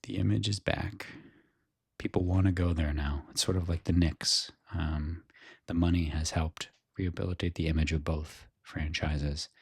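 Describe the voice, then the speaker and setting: A man with an American accent giving soft-spoken, breathy ASMR sports commentary in a casual, musing way. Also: sits low, fairly even intonation, normal speed, no echo, clean studio sound. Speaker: host giving a baseball season preview.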